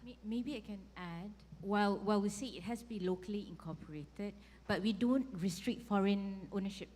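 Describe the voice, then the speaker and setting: A woman's voice: mid-range voice, moderate pace, darkish tone, slight background noise. A woman from a public body speaking on a panel, hesitant and often repeating words. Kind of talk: panel discussion. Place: conference hall. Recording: long reverb in a conference hall.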